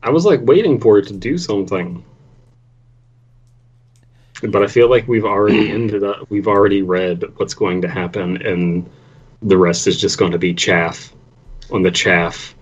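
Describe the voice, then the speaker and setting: Informal male co-host, lowish husky voice, slangy asides while reading, dull mic. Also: measured pace, pauses often. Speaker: podcast co-host. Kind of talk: casual chat and reading aloud with commentary.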